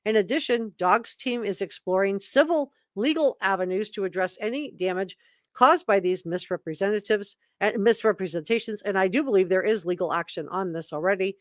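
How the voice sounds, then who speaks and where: Female livestream host, mid-range pitch, emphatic and opinionated, reads documents aloud and comments informally, dry sound. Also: a little fast, dry recording. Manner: emphatic, repeats key words for effect; opinionated, informal asides between read passages. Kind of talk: live commentary, reading statements aloud to chat.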